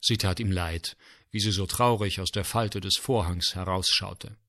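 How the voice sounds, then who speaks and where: Male storyteller with a bright, lively delivery and a lowish voice; expressive storybook reading. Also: unhurried.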